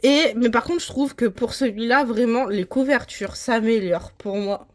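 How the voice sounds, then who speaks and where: A woman's voice: a little high, normal speed, a little mellow. A woman from France giving a casual, rambling tour of her manga collection, with frequent hesitations.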